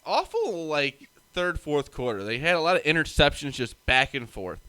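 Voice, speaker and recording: Man, sports co-host, animated, exasperated, lively pitch, dry close sound. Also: moderate pace, smooth, no room sound. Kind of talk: casual sports podcast chat.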